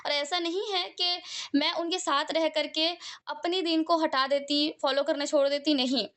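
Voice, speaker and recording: A woman's voice: high-pitched, fairly even intonation, moderate pace, fairly bright tone. Young woman, talking earnestly and chattily about faith, lots of fillers. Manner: earnest, conversational, with many fillers and tag questions. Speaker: religious talk speaker. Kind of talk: informal religious talk to listeners.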